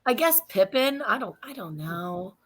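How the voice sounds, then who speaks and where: A woman chatting as a cast member on a theatre show, laughing easily. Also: medium pitch. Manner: slow, lively, laughing. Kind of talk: casual chat.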